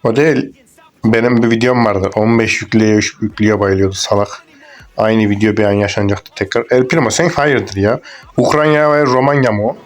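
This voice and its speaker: A young man giving casual, crude, joking commentary over a game, rambling and swearing as he plays. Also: fairly low pitch. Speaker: gaming YouTuber.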